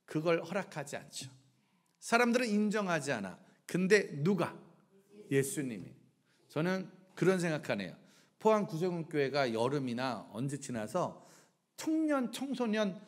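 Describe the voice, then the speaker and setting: A middle-aged pastor preaching a revival sermon in a church, firing either-or questions at the congregation and acting out shouts. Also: male voice, fairly high pitch. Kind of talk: lively revival sermon with call-and-response questions. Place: church sanctuary.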